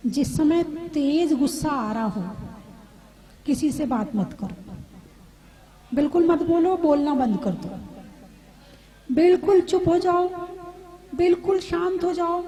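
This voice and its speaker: Woman preacher, high voice, slow measured pace, conversational sermon, questions to the audience, gently humorous. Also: low-quality recording. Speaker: Jain nun giving a discourse.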